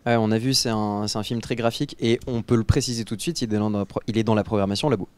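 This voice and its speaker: A man's voice: fairly low pitch, fairly even intonation, fast talker, slight background noise. A man with a French accent from France, hosting a casual talk show. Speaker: host.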